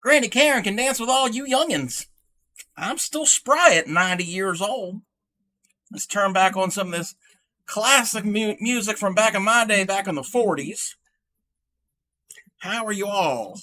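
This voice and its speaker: A man playing a chatty ninety-year-old grandmother who hosts a livestream, rambling folksily and halting with fillers. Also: high-pitched, lively intonation, bright, forceful tone, exaggerated voice. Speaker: livestream host showing crochet. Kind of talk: in-character livestream chat.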